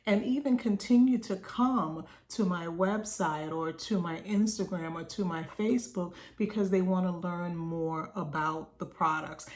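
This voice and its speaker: On a video call, a woman coaches small business owners conversationally, often adding "right?" to her points. Her voice is lowish and slightly raspy, and she reads quoted passages aloud before explaining them.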